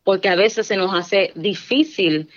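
A woman's voice: medium pitch, a little slow. A middle-aged woman giving a fervent church testimony, speaking earnestly and often checking in with her listeners. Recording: dull lo-fi recording.

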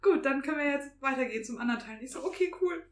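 Animated young woman telling a story. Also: high-pitched, rapid-fire, noisy background. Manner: animated storyteller, acts out quotes, laughs, swears. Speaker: veterinary student, podcast co-host. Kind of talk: casual storytelling chat. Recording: roomy, echoey room.

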